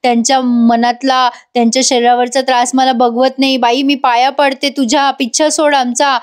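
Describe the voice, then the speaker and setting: A woman's voice: high voice, flat delivery, normal speed, lightly acted. A woman voicing a scheming, preachy housewife who accuses others in a serial recap. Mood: accusing.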